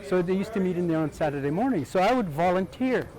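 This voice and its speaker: A man's voice: high-pitched, expressive, fast, a crowd in the background. Older Jamaican-born man reminiscing. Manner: rambling, many restarts and fillers. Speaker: interviewee, muralist. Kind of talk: oral history interview, reminiscing.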